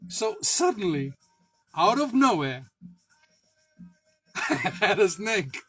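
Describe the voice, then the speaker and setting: A man who is a spiritual worker, telling a personal story in a halting way, with many fillers and restarts, laughing at himself and swearing now and then. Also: sits high, fairly bright tone, low-quality recording. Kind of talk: casual spoken anecdote.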